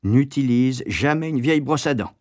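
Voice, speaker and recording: A man voicing an old-fashioned nanny who answers calmly and with total certainty. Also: mid-range voice, normal speed, no room sound, clean studio sound, voice pushed up, lightly acted. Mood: matter-of-fact. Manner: matter-of-fact, certain. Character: old-fashioned nanny, woman, calm and sure of herself.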